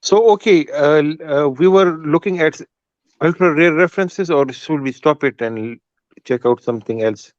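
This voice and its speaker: A man's voice: a little high, moderate pace, no room sound, lo-fi sound. A man taking part in a casual livestream as a guest, making brief, friendly remarks and asking short questions.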